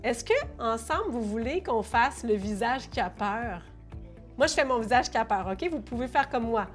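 A middle-aged woman with a Québécois French accent, an educator reading a picture book aloud in a lively, playful way and explaining it to parents. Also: on the high side, moderate pace, soft background music. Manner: animated, playful read-aloud with sound effects. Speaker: early childhood educator.

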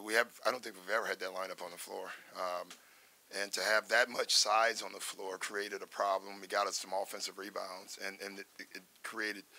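Seated before a sponsor backdrop in the press room, an older basketball head coach fields postgame questions from reporters through a table microphone, speaking in a measured, conversational way full of fillers and restarts. His voice is on the low side, creaky, bright and forceful.

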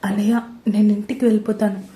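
A woman's voice: mid-range voice, little pitch movement, fast talker, warm tone, close to an everyday voice. A woman voicing a hurt, sulky young woman who speaks sharply and tearfully, in a roomy-sounding recording. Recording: roomy echo.

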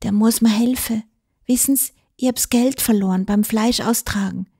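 A woman's voice: fairly high pitch, steady tone, moderate pace, mellow, breathy edge, pitched above the performer's own voice. A woman doing a frightened Bavarian girl. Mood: pleading, frightened. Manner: pleading, breathless dialect speech.

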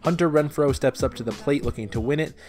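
A man's voice: medium pitch, fast talker, darkish tone. Man narrating a video over music. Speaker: video host and baseball fan narrator. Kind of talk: scripted narration.

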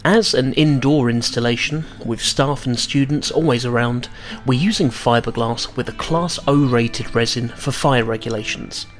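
Guy doing a calm voice-over, steady matter-of-fact explaining, soft music under it. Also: medium pitch, normal speed, few pauses. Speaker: studio narrator. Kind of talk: scripted voice-over narration.

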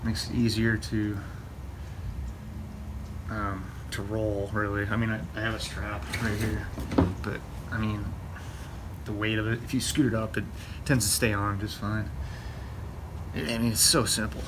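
A young man talks through a do-it-yourself build in a loose, rambling way, leaning on fillers and restarts. His voice sits fairly low and stays flat in tone. A phone on the garage floor catches him with loud background noise all around. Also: a little slow, long pauses. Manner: rambling, laid-back, lots of fillers. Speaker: fishing channel host. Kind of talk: casual DIY walkthrough. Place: open garage.

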